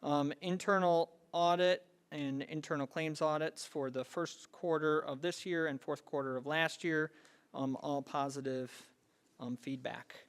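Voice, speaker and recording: Man delivering a hesitant board committee report, clear resonant tone, slightly raised pitch. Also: steady tone, unhurried. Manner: hesitant, frequent ums.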